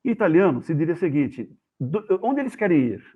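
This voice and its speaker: A man with a Brazilian accent, a guest journalist, telling anecdotes in a casual, animated way and acting out the voices of the people in them. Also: a little high, fairly quick, slightly rough. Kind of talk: casual storytelling. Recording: tinny phone-like video call audio.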